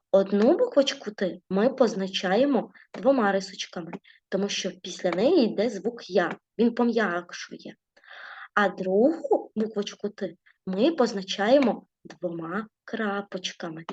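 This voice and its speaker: A woman teaching a primary school class, speaking gently with many diminutives and frequently checking in with "right?". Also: mid-range voice, slightly rough, dull audio. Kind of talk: classroom lesson narration.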